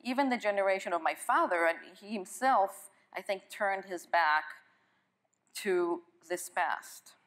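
A woman's voice: medium pitch, unhurried, a bit bright. A middle-aged woman from Israel speaking as an author in an onstage conversation, reflective and often restarting her sentences. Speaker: author and guest. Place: stage of an auditorium.

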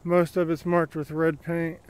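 A plainspoken man chats as he walks a wooded trail, filming on a handheld phone. His voice sits a bit high and stays level, with a clear, smooth tone. He rambles casually from one thought to the next. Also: level tone, measured pace. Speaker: vlogger. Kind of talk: casual walking commentary. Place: wooded dirt trail outdoors. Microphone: handheld phone camera while walking.

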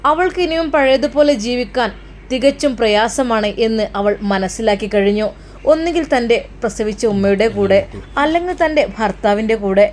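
High-voiced Malappuram woman storyteller. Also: animated, moderate pace, a little mellow, a little hiss or hum. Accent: Malappuram Malayalam. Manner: earnest, emotive, addresses listeners directly. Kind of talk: narrating a religious family story.

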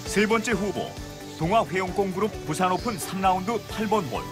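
A man delivering scripted highlight commentary as a golf commentator, in an announcer's style. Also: lively intonation, brisk. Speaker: golf commentator, video narrator. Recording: music bed under voice. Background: loud background music.

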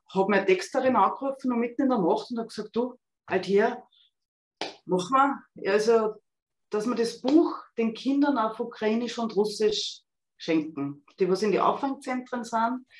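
A woman's voice: mid-range voice, expressive, moderate pace. Woman, 30s, illustrator guest, chatty and full of fillers, video call with room echo. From Austria. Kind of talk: casual storytelling. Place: room at home with a lamp. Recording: echoey video call audio.

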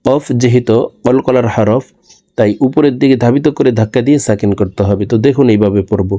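A man teaching Quran reading, spelling out each letter slowly and then chanting the verses long and drawn out. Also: mid-range voice, dark tone, highs cut off. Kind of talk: recitation lesson.

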